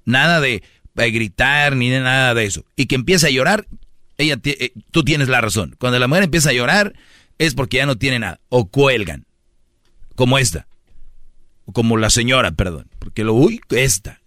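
Firm-talking radio host. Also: male voice, mid-range voice, animated, normal speed, sharp tone, dry recording, studio quality. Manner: firm, lecturing, teasing. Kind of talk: casual radio banter.

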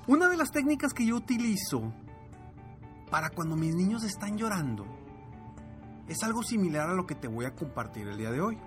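A man's voice: sits high, fairly quick, pauses often. A man hosting a podcast as a business coach, giving a motivational talk and acting out voices as he tells stories. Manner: animated, acts out his children's voices. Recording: music bed underneath.

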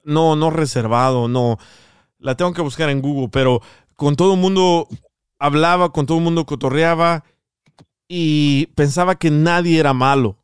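A man tells stories on a podcast, keen and animated, stacking repeated words for emphasis. His voice is slightly high and resonant. The studio mic sounds close and dry. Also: normal speed, clean tone, no echo. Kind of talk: casual storytelling chat.

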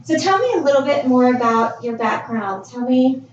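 A woman's voice: high-pitched, expressive, normal speed. A woman hosting a podcast in a conversational interview style. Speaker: podcast host. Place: indoors at a med spa. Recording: echoey room, distant dull mic, faint noise.

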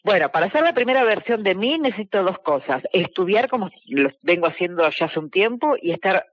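A woman's voice: medium pitch, sing-song, fairly quick, no echo. A woman with an Argentine accent, a football commentator answering interview questions in a confident, reflective way. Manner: confident, reflective, frequent "este" fillers. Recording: dull lo-fi dry sound.

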